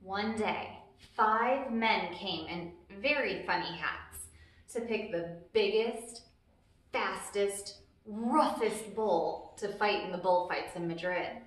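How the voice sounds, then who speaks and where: Lady doing storytime for little kids, expressive read aloud, medium pitch, super echoey room. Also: slow pace. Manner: simple explanatory asides to young listeners. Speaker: storytime host reading a children's book aloud.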